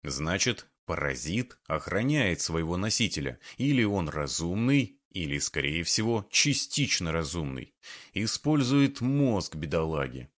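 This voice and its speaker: A man reading an audiobook, voicing a gruff, unflappable grown man who talks bluntly and matter-of-factly. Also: deep voice, sing-song, measured pace, fairly bright tone, heavily acted. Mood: pondering.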